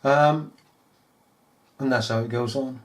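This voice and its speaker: A man's voice: medium pitch, fairly even intonation, slow pace. A man giving a casual, sarcastic commentary over news footage, mocking and often laughing. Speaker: video commentator.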